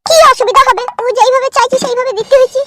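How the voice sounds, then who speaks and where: In a comic cartoon, a man plays a coy young village wife, newly married and complaining, raising his voice to a higher pitch and using a rural West Bengal accent. He delivers it at a very fast clip in a steady tone, with background music and noise behind him.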